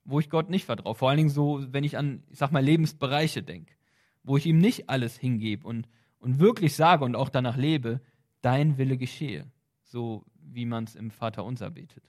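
A man giving a reflective devotional talk, earnest and thoughtful, with small hesitations, slipping into quiet prayer. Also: mid-range voice, normal speed. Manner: drops into quiet, soft prayer. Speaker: devotional speaker.

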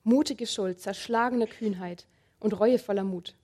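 Calm, earnest woman giving a sermon. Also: mid-range voice, unhurried. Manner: calm, earnest, addresses listener directly. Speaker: preacher. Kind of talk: sermon with Bible reading.

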